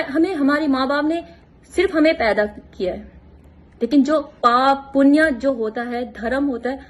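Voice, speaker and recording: A woman from Himachal Pradesh, a vlogger giving an impassioned, scolding monologue and repeating words for emphasis. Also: high-pitched. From Himachal Pradesh, India.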